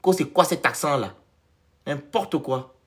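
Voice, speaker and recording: A man hosting a live stream of political commentary, who speaks emphatically and repeats phrases in loud bursts. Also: a little high, unhurried.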